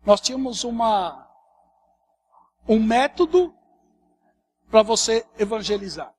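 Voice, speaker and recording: A man's voice: high-pitched, takes it slowly, a little hiss or hum. A man from Brazil with a São Paulo accent, a pastor preaching a morning sermon in a chatty way, often tacking questions onto his sentences. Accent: São Paulo Portuguese. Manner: conversational preaching, many tag questions, lively shifts. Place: church hall.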